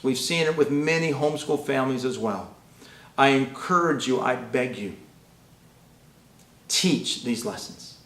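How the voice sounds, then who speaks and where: Echoey dramatic male keynote preacher. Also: mid-range voice. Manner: dramatic swings between loud and hushed. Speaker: keynote speaker. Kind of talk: sermon-style keynote.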